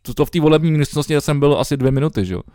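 Heard in clean studio sound without echo, a young man with a slightly high, mellow voice co-hosts a podcast remotely. The conversation is loose and casual, peppered with swearing and fillers.

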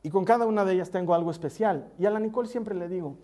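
A man, preaching a sermon, who tells family stories and drops to soft, intimate asides. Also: high voice, fast talker.

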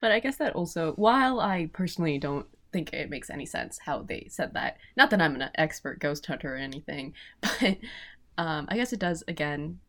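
A woman's voice: low voice, lively intonation, moderate pace, fairly bright tone. A woman co-hosting a podcast, chatting casually about a TV episode, asking curious questions and laughing often. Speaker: podcast co-host. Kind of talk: casual chat recapping a TV episode.

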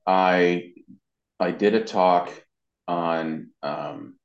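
Speaking extremely slowly in a low voice, a man rambles casually as a guest in an interview, telling stories about his work. He is a voice actor and web designer. The audio comes across dull, roomy and lo-fi.

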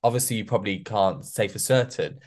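A man's voice: lowish voice, a little fast. A male podcast host asking questions in a casual, encouraging way, often affirming with short yeahs. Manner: encouraging, frequent "yeah" affirmations. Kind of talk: casual interview. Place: podcast studio.

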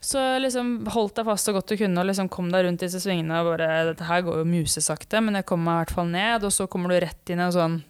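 A young woman, a podcast guest, telling an animated story in casual chat, full of fillers. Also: fairly low pitch, hardly any pauses, clean tone. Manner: animated storytelling, heavy use of fillers like "liksom".

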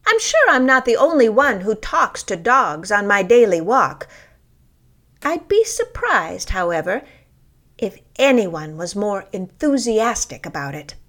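A woman reading a scripted personal essay in a deliberate, expressive storytelling manner with pauses. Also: mid-range voice.

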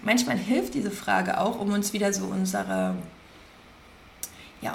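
A woman hosting a podcast, gently guiding listeners through self-reflection, slowly repeating questions and stressing single words. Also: medium pitch, gravelly, slight background noise. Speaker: podcast host, coach. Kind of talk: guided self-reflection talk.

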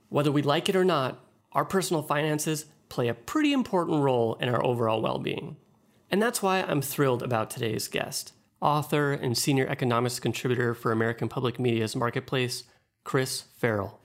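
A man hosting a well-being podcast, reading the intro and asking gentle questions. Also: mid-range voice. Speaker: podcast host. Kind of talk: scripted show intro and interview questions.

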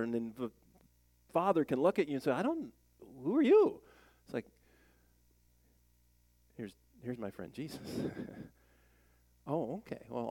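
Gravelly, conversational man preaching a sermon. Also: medium pitch, no room sound. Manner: animated, plain-spoken, asks the congregation questions. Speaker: pastor.

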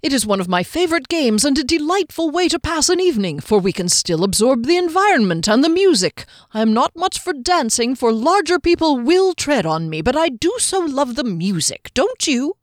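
A woman voicing a small, tipsy, overly polite male halfling gentleman who rambles fussily. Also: high-pitched, big pitch swings, moderate pace, hardly any pauses, no room sound, clean studio sound, voice pushed up. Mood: genial rambling.

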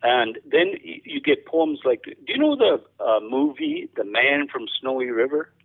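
A man chatting casually as an interview guest, a cowboy poet with a halting, rambling, folksy storytelling manner. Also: on the high side, huge pitch swings, vocal fry. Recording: thin band-limited radio or phone-like sound.

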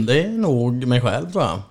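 A man's voice: mid-range voice, big pitch swings, darkish tone. A man co-hosting a podcast in casual chat, rambling and joking with lots of filler words. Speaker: podcast co-host.

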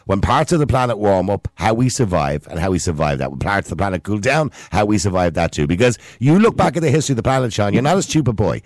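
A low-voiced man in a heated pundit debate, talking fast and insistently over his opponent. His delivery is argumentative, and the recording is close and dry. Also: animated, darkish tone, no room sound.

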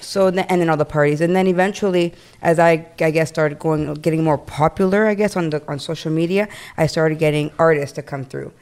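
Chatty young Canadian woman, smooth voice. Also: low voice, steady tone, a little fast, few pauses, darkish tone. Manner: chatty, lots of "like" and "um" fillers. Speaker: guest, realtor and studio owner. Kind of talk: casual interview chat.

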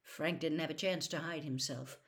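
A woman's voice: sits low, fairly even intonation, normal speed. A woman reading a novel aloud as a storyteller, dramatic and dropping to a whisper for suspense.

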